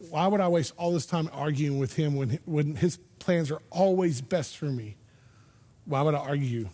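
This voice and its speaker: High-voiced man preaching a casual sermon. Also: big-room sound. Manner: conversational, self-deprecating humor; repeats words while thinking aloud. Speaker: pastor.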